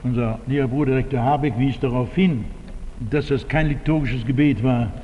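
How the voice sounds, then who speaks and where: A man's voice: mid-range voice, normal speed, in a large hall, muffled recording, a little hiss or hum. An older man preaching a sermon in a church, emphatic and repeating his key phrases.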